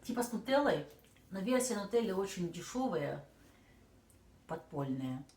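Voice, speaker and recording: A woman's voice: mid-range voice, normal speed. A woman vlogging casually with her young child, tasting snacks and joking around. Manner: playful, jokey, animated. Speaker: vlogger, mother. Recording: echoey room, mic at a distance, faint noise.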